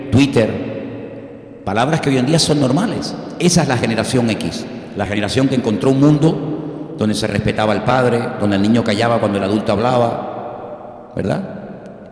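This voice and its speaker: Older male pastor, low voice, sermon with anecdotes, reverberant church hall. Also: darkish tone. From Venezuela. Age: 60s. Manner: storytelling preacher mixing humor with warnings. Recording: echoey hall with long reverb.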